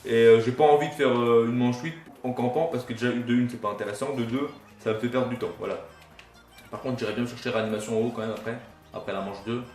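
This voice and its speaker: A man's voice: medium pitch, fairly even intonation, quick pace, a little mellow, far from the mic. A young man giving casual gameplay commentary as a gaming YouTuber, rambling and self-mocking with casual swearing. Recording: roomy, off-mic, faint game music.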